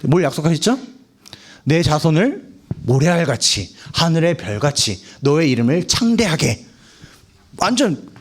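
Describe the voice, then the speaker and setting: Animated young man preaching to teens. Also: on the high side, slightly rough. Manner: lively, acts out quoted voices, asks the audience questions. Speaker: youth preacher. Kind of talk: sermon to high schoolers.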